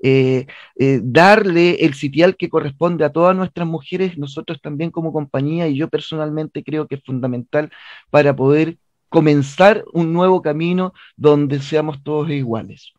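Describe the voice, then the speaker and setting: Speaking at a normal pace in a fairly high voice with a darkish tone, a Chilean theatre director and playwright chats as an interview guest. He hesitates often and repeats words while finding his phrasing, and the audio is dry, dull and band-limited.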